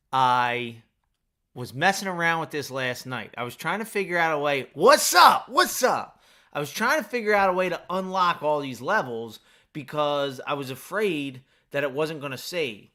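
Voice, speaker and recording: A casual gaming streamer, a man whose voice sits a bit on the high side. He rambles, stops and restarts his thoughts mid-sentence, and chats along while eating. He is talking without his usual mic. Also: moderate pace, sharp tone. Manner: rambling, self-interrupting, chatty. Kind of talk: casual live-stream chat while playing. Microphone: not using his usual mic.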